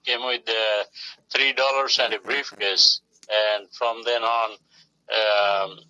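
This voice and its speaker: Slow, halting man with a bright voice. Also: fairly low pitch, steady tone, highs cut off. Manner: halting, many fillers and pauses. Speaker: interview guest. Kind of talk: casual phone interview.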